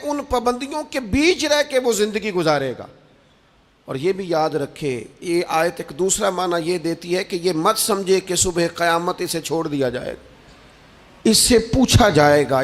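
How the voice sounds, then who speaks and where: A man delivers a sermon in a high-pitched voice. His delivery rises and falls with emphatic preaching cadence. The recording carries a long hall reverb.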